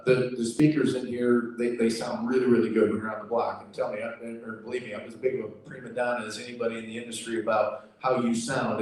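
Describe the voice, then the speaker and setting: A man's voice: mid-range voice, a little mellow. An American man giving an informal spoken briefing as an event organizer, in a folksy, reassuring and repetitive manner. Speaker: auctioneer contest organizer. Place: livestock sale arena. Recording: very echoey hall, distant PA sound.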